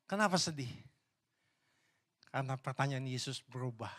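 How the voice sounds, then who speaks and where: A male pastor preaching a sermon in a church, swinging between loud, emphatic questions to the congregation and hushed, low asides. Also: expressive, moderate pace.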